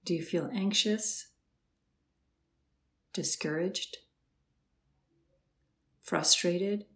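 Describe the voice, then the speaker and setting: A woman guiding a slow, soothing meditation with gentle instructions and long pauses. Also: fairly low pitch, fairly even intonation. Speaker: meditation guide. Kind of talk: guided meditation.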